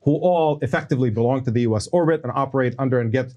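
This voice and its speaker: A man's voice: mid-range voice, racing, a little mellow. A man in his forties who grew up in the Middle East, arguing insistently in a debate and pressing on through interruptions. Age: 40s. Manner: insistent, long-winded, talks over interruptions. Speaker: debate guest. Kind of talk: heated debate argument. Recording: played clip from a debate.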